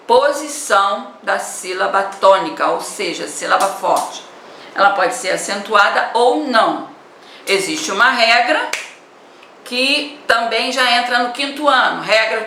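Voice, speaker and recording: Brazilian teacher with a gravelly, echoey voice. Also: female voice, mid-range voice, sharp tone. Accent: Brazilian Portuguese. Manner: explanatory, repeats words and adds "né?". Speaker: primary school teacher. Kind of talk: online class lesson. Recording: echoey room, voice from a distance, faint noise.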